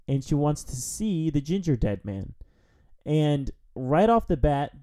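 A man hosting a review podcast, recapping a plot in a casual, rambling style with a wry edge. His voice is very dark and mellow, sitting at a middle pitch. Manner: rambling, wry, with frequent fillers. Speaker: film review podcast host.

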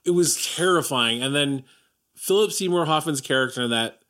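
A man's voice: on the high side, expressive, normal speed, sharp tone. A man hosting his own movie podcast, with a dry, wry delivery and casual swearing. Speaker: podcast host.

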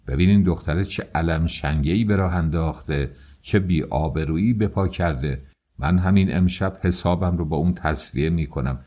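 A man's voice: deep voice, husky, muffled recording. A man voicing a furious, indignant father. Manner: shouting, indignant outbursts. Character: enraged middle-aged father defending family honor. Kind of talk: audiobook character voice.

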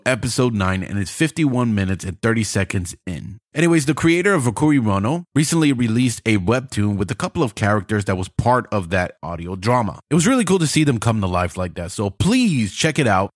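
A man's voice: on the low side, clean studio sound. A man hosting a podcast, talking casually and informally to his listeners. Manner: informal, addresses listeners affectionately, swears. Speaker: podcast host. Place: untreated home or small office. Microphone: podcast microphone. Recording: reverberant untreated office, partly cleaned.

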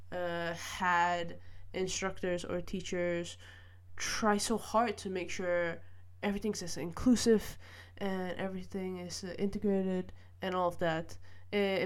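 A young woman from Malaysia, a student, talking in a casual personal vlog, reflective and hesitant with many fillers and small laughs. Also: fairly low pitch. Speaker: student vlogger.

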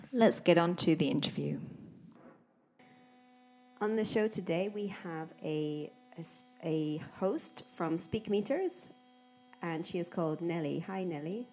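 A woman's voice: lowish voice, warm tone. A woman hosting a conversational podcast interview, talking like an English tutor.

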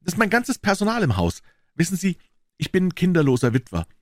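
A man voicing an excitable middle-aged pawnbroker who talks in high, eager exclamations in an audiobook. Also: a little fast, no room sound, clean studio sound. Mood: chatty. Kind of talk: audiobook character voice.

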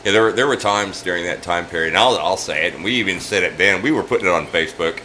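A man's voice: low voice, fast talker, bright, forceful tone, slight background noise, rough recording. A middle-aged man hosting casual chat over drinks in his saloon, telling profane, laid-back stories. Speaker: bar owner and host.

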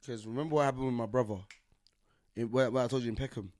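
A man's voice: mid-range voice, steady tone, fast, darkish tone. A man with an urban London roadman accent, bantering casually as a podcast co-host in heavy street slang, emphatic and sweary, repeating himself.

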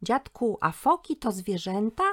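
A woman voicing an excited little boy of about five in a storybook reading, with a high, squealing voice. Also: measured pace.

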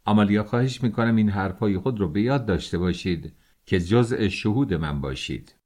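A man voicing a cold, self-assured gentleman who accuses and lectures in a calm, measured way. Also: lowish voice, natural voice.

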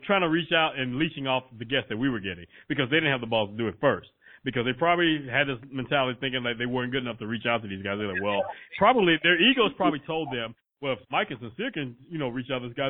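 A man co-hosts a casual podcast, talking quickly at a middle pitch. He is animated and blunt, swears freely and keeps tossing in "you know". The sound is narrow and phone-like. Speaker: podcast co-host.

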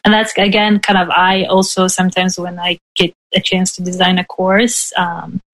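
A woman professor in a conversational interview, explaining her teaching with frequent soft laughs and "right?" tags. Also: on the low side, level tone, moderate pace, low-quality recording. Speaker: professor, guest.

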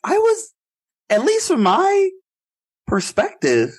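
A man's voice: extremely high pitch, huge pitch swings, slow pace. A young man co-hosting a casual podcast chat, talking in a hesitant, rambling way with many fillers and restarts. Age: young adult. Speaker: podcast co-host.

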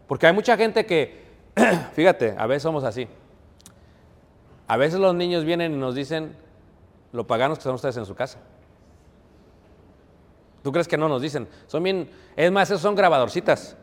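A man's voice: a little high, in a large hall. A man preaching a sermon, earnest and emphatic, calling his listeners brothers. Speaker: pastor.

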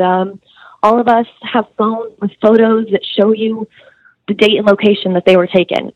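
Speaking with a medium-pitched, slightly mellow voice, a young American student earnestly walks an interviewer through a detailed story, using casual fillers. The recording is dry, dull and muffled.

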